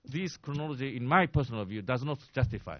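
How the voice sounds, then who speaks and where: Halting Japanese-accented man briefing the press. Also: medium pitch, lively intonation, dry recording. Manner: halting, many fillers and restarts, grows emphatic. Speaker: press briefer, former diplomat. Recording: dull lo-fi sound, dry.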